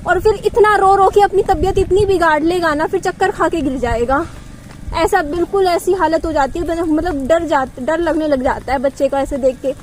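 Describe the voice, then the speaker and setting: Very high-voiced mother coaxing her child. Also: slight background noise. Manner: coaxing, repeats short soothing phrases. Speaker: mother and vlogger. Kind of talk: casual family vlog, soothing a crying child.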